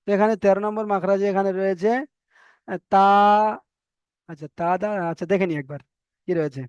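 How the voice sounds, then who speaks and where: A man teaching an online Quran recitation lesson, spelling out letters slowly and rattling off repeated rules quickly. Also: sits high, a little mellow, smooth, no echo, muffled recording.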